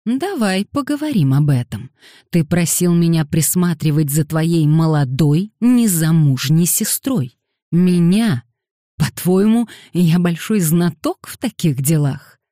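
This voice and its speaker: A woman voicing an exasperated young man who answers in hoarse, rasping retorts in an audiobook. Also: low voice, expressive, takes it slowly, warm tone, no echo, clean studio sound, full character voice. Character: exasperated young man, brawling friend, wheezing.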